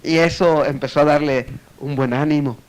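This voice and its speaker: A man's voice: a little high, steady tone, normal speed. A man preaching a sermon, telling a story and acting out echoes, often checking in with his listeners. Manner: storytelling, acts out echoes, frequent tag questions.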